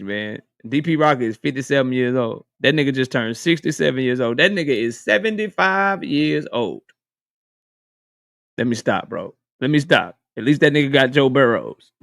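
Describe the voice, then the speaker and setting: A man's voice: fairly high pitch, vocal fry, a bit bright, dry recording, studio quality. A man in his thirties hosting a casual live stream, joking and roasting his viewers, laughing often. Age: 30s.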